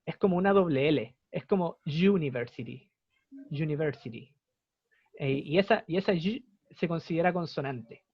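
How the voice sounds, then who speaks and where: A man's voice: a little high, brisk, no room sound, muffled recording. A young man with a Chilean Spanish accent, patiently explaining English grammar to students in an online class and repeating his examples. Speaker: English teacher.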